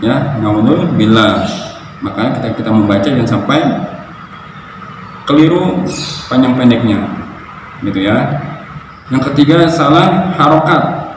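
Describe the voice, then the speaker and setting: A man's voice: medium pitch, lively intonation. Man teaching in a very echoey hall. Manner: explains step by step, models recitation slowly and chants examples. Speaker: Quran recitation teacher. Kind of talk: religious lesson on Quran reading errors. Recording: very echoey hall with audible noise.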